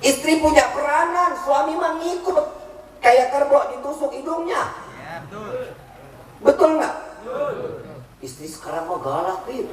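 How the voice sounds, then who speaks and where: Brief: male preacher, playful sermon, animated swings in pitch, booming echo from afar. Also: measured pace, long pauses. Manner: joking, questions the crowd often. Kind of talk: humorous religious sermon. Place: large religious gathering. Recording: echoey hall, voice from far off.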